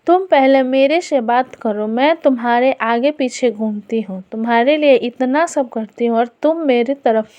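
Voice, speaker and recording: A woman's voice: fairly high pitch, measured pace, few pauses, highs cut off, close to an everyday voice. A woman storyteller voicing a jealous, scheming young wife who speaks in a pushy, demanding way. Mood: resentful.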